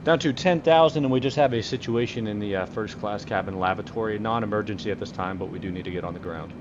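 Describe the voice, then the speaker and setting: A man talking into a pilot headset mic in the cockpit, firing off radio calls and quick asides at a fast clip. His delivery is brisk and dry, with jokes and casual swearing. The sound is slightly muffled, with a steady engine rumble clearly heard behind him. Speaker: flight simulator streamer playing airline pilot.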